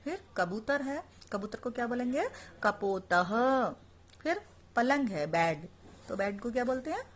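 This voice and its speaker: A woman's voice: a little high, big pitch swings, measured pace, slight background noise. A woman teaching a Sanskrit lesson online, explaining each word and then repeating it, asking the class questions and answering them herself.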